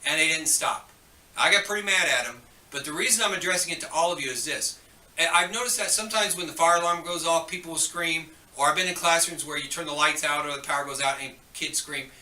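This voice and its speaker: A man's voice: a little high, pushed and bright, echoey room, far from the mic, poor audio. A man giving chatty, joking school morning announcements, turning stern when he scolds students, heard over the school intercom.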